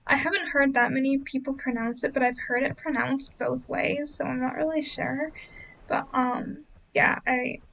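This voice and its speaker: Young woman, book vlogger voice-over; high-pitched, some fry, relaxed rambling chat full of "um" and "like". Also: normal speed, poor audio. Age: young adult. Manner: rambling, many fillers and hedges.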